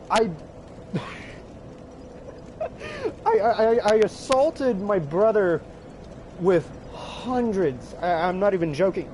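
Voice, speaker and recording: A man casually telling an anecdote about his games, animated, swearing freely and breaking into laughter. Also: high voice, slight background noise, poor audio. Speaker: gaming storyteller.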